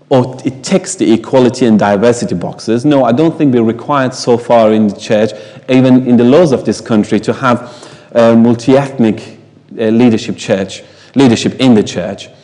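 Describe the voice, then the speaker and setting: A man whose first language is Farsi preaches a sermon emphatically in a large hall, putting rhetorical questions to the congregation. His voice is mid-range and mellow.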